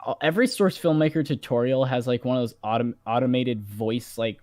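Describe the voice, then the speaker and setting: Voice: medium pitch, fairly quick, darkish tone, no room sound, clean studio sound. A guest animator joining a casual livestream, chatting in an easygoing way with short remarks.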